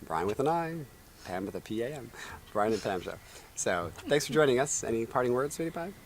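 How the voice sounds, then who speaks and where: A man in his thirties, co-hosting a casual chat show and telling stories in a lively way. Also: mid-range voice, brisk, a little hiss or hum. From United States. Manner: lively storytelling, chuckling. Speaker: co-host. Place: outdoor backyard.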